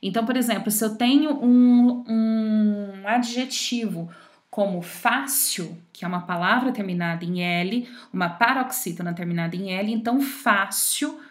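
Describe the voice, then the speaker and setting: A woman teacher explaining grammar rules step by step, often pausing to check that her students follow. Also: mid-range voice. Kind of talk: grammar lesson.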